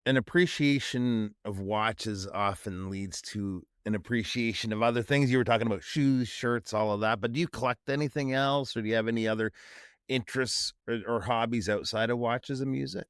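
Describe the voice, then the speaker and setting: A man co-hosting a podcast, asking friendly, measured questions in casual chat. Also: medium pitch, clear, resonant tone, dry recording, clean studio sound. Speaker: podcast co-host.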